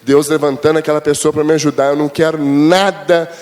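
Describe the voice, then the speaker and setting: A man's voice: flat delivery, a little fast. A male pastor, preaching a casual storytelling sermon to his congregation, acting out quoted dialogue. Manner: storytelling, chatty, addresses the congregation as brothers; acts out quoted dialogue with God, rising high and loud.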